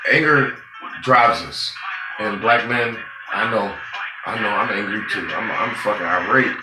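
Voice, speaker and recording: Man, vlogger, unscripted street-talk rant, cussing and preachy, echoey room with music underneath. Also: a little slow. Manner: profane and preachy, swinging between loud outbursts and low muttering. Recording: roomy, with music playing behind.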